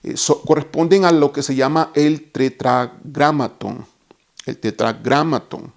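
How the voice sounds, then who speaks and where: Slow, deliberate male Bible teacher. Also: mid-range voice, gravelly. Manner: deliberate, explains term by term, corrects himself. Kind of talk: explanatory Bible lesson.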